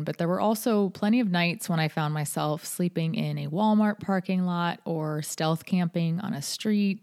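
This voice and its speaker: A woman with a slightly low voice narrates a scripted first-person story as a podcast host. Her delivery is measured and articulate, shaped like careful storytelling. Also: darkish tone.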